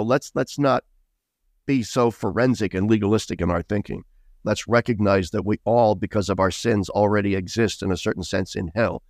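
A man's voice: fairly low pitch, no echo, clean studio sound. A middle-aged man speaking as a guest author in an interview, earnest and emphatic, with bursts of raised emphasis. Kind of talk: interview conversation.

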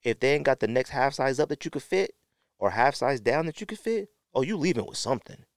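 This is a slangy, animated storyteller: an American man hosting a podcast who acts out other people's lines as he goes. His pitch is medium and his delivery fairly quick, with clean, echo-free studio sound.

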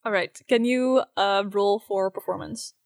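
A woman's voice: medium pitch, measured pace, no echo. Woman game master, dry close sound. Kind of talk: casual improvised game narration.

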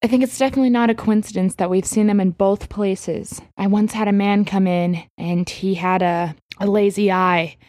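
A woman's voice: medium pitch, steady tone, moderate pace, few pauses, a little mellow, dry recording, clean studio sound. A woman playing a tabletop role-playing game, describing scenes and reasoning earnestly. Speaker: player. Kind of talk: casual tabletop game play.

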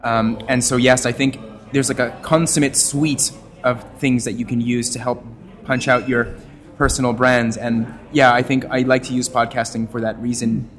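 A man from Canada speaks as a guest on an interview podcast, at an ordinary pitch for a man. He talks at length in a wordy, expressive way, bending his voice as he goes. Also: normal speed. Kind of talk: casual interview talk.

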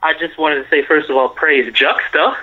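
A man's voice: on the high side, fairly even intonation, normal speed, over a noisy crowd. Rambling male caller over the phone. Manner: rambling, hesitant, lots of fillers. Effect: heard over the phone. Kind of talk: casual call-in chat. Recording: dull lo-fi phone line.

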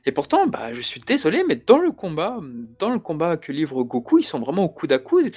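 A man hosting a casual chat, talking with animated enthusiasm. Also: on the high side, fairly quick, breathy edge, soft background music.

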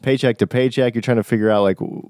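A man's voice: mid-range voice, fairly even intonation, fast, a little mellow, no echo, clean studio sound. A young man with a nasal, congested voice from a recent illness, talking casually and informally as a podcast host. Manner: informal, conversational, buddy-like slang. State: recovering from flu, stuffy nose. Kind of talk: casual solo podcast talk.

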